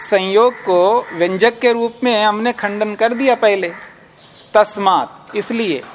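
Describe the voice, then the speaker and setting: Teaching a class on a classical philosophy text, a high-pitched man reads Sanskrit lines at a slow pace over slight background noise. He breaks them down in plain language and answers his own questions to the class.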